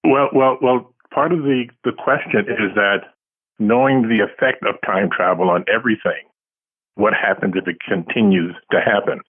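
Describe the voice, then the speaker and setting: A roughly seventy-year-old science fiction writer, appearing as a guest, answers interview questions in a casual, modest, reflective way over a tinny phone line. The recording is dry, and his low-ish voice has a breathy edge at a normal pace.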